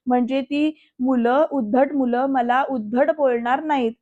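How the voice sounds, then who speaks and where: A woman voicing a middle-aged husband who shouts angry, bullying threats, in a dull, lo-fi recording. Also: sits high, fairly even intonation, measured pace. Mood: harsh. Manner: loud, scolding.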